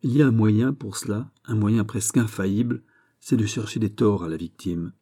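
With a lowish, mellow voice, a male narrator reads a classic novel aloud as an audiobook, keeping a measured storytelling pace.

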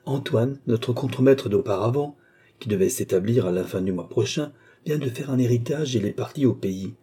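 A man reading an audiobook, voicing a kind, strong young male cabinetmaker who speaks in a gentle, earnest way. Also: mid-range voice, normal speed, breathy edge, lightly acted. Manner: gentle, earnest and warm-hearted.

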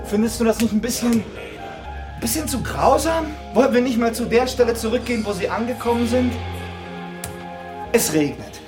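An actress playing a commanding woman NGO director who talks in a bossy, lively way in a radio play. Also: fairly high pitch, music in the background, close to an everyday voice. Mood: insistent. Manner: bossy, lively, shifting fast. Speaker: NGO head.

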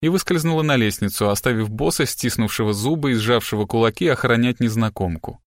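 Measured male audiobook narrator, dry sound. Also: mid-range voice, no room sound. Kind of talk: scripted narration.

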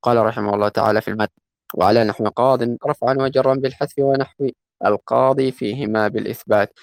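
A man reading a classical grammar text aloud to his teacher, going quickly and slowing down to chant the quoted verses. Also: medium pitch, steady tone, creaky, no echo. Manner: fast recitation, slows to chant quoted verses.

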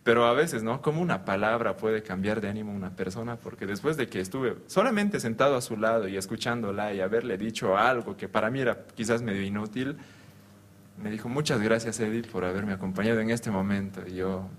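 A man's voice: lowish voice, lively intonation, brisk, a bit bright. Man telling a story with laughs. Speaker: panelist. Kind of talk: casual discussion.

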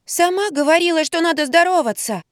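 A woman voicing a chatty, blunt little boy of six in an audiobook, speaking in a high, drawn-out childish way. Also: dry recording, studio quality. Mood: chattering.

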